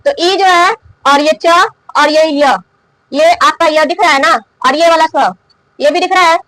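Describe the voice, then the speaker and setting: A woman teaches a grammar lesson in a very high, bright voice. She asks the class a question, then answers it herself and repeats the answer. The recording is dry and close. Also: unhurried, dry recording, low-quality recording. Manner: coughs now and then. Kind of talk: classroom lesson explaining and drilling.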